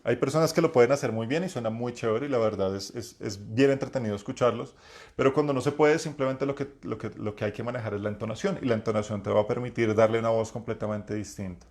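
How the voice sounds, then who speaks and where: A man with a deep voice, hosting a live talk and giving game-master advice in a reflective way, with many fillers and restarts. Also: quick pace, darkish tone. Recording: lower-quality live stream.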